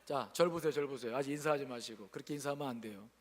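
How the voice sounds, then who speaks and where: A man's voice: medium pitch, racing, in a large hall. A male pastor preaching a sermon at a church service, speaking emphatically and calling on the congregation to answer aloud.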